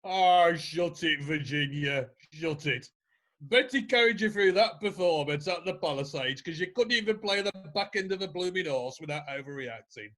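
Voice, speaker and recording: A man's voice: on the high side, expressive, normal speed, fairly bright tone. A man with a Yorkshire accent playing a blunt, chatty witness in an amateur courtroom audio drama. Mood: scornful. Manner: blunt, chatty, dialect speech.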